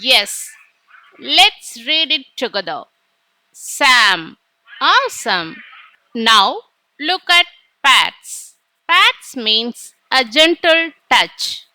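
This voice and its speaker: A woman teaching phonics to young children in an encouraging way, as if reading to a toddler, sounding out words with deliberate pauses. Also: high-pitched, sing-song, bright, forceful tone, dry recording. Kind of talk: children's reading lesson, scripted.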